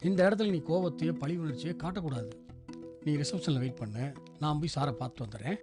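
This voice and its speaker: Guy playing a smooth-talking businessman, quick and lively, tv serial. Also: fairly high pitch, music in the background, lightly acted. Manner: polite, persuasive, quick. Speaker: furniture business man. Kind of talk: TV serial acting.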